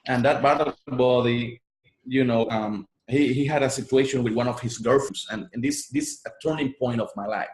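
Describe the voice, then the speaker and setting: Telling his story earnestly as an interview guest, this online marketer from Puerto Rico speaks with a Puerto Rican Spanish accent, Spanish being his first language, and frequently repeats words. His voice is mid-range with a darkish tone at a normal speed, and the audio is poor and reverberant.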